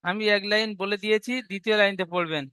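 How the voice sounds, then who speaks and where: A man teaching Arabic reading in an online class, spelling letters slowly and drawn out, then explaining briskly. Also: sits high, steady tone, pushed and bright, clear, resonant tone, no room sound.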